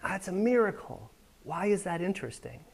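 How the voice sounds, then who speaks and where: With a high-pitched, creaky voice and big swings in pitch, an American pastor preaches at a moderate pace. He addresses the congregation in the church sanctuary in a conversational manner, often confirming they're following.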